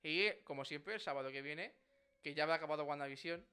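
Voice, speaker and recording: A young man with a Spain accent hosting a casual chat in a jokey, animated way. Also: on the high side, quick pace, clean tone. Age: young adult. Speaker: podcast host.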